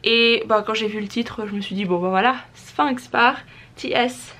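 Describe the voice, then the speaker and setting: A woman's voice: on the high side, moderate pace, pushed and bright, slight background noise. A young woman talking casually to camera as a book vlogger, chatty and full of little hesitations and self-corrections. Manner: chatty, with frequent "euh" fillers and self-corrections.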